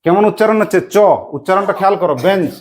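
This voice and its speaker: Woman teacher drilling grammar, low voice. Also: animated, moderate pace, a little mellow. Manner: drills by asking questions, then spelling words letter by letter. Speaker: English teacher. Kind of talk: classroom grammar lesson.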